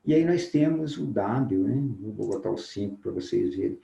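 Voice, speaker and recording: A man from Minas Gerais with a Mineiro Brazilian accent, teaching a phonetics lesson and often checking in with a quick "né?" as he explains and sounds out examples. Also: lowish voice, lively intonation, vocal fry, dark tone, echoey room, muffled recording. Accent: Mineiro Brazilian Portuguese. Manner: explanatory, repeats "né?" often, demonstrates sounds slowly.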